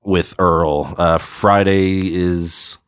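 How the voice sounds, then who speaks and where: Low gravelly american guy, bit congested from a cold, casual podcast chat, really dry close sound. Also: fairly even intonation, very slow, a bit bright, no room sound. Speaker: podcast host and stand-up comedian.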